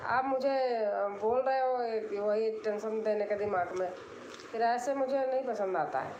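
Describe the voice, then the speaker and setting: A woman's voice: a little high, measured pace, darkish tone, echoey room, highs cut off, a little hiss or hum. A woman from Allahabad, hosting a casual live stream and answering comments in an insistent, repetitive way, explaining herself. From Allahabad, India.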